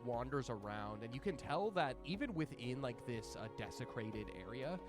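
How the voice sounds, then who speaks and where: A man's voice: medium pitch, very animated, normal speed. A man narrating a tabletop roleplaying game as game master, improvising his descriptions of the scene. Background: music bed.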